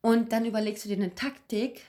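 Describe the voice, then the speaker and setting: A woman's voice: a little high, a little fast. A young woman co-hosting a podcast, chatting casually and telling anecdotes with lots of fillers. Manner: chatty, animated storytelling with many fillers. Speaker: podcast co-host. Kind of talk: casual chat.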